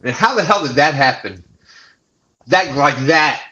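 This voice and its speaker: A man's voice: on the high side, animated, unhurried, sharp tone. A man hosting a fishing show, joking and laughing as he chats with callers. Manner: jokey, laughing often, self-mocking. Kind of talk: casual chat. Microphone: camera and mic on a live stream. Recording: dull lo-fi stream audio.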